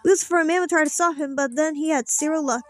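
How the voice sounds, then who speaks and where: A let's play streamer works through a story game, acting out the dialogue theatrically and tossing in casual asides. Her voice is high and she talks fast. The recording has no room sound, with faint music behind.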